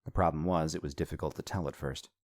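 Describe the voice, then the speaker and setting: A man narrating an audiobook in a steady, measured reading. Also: rumbling low, no echo, studio quality.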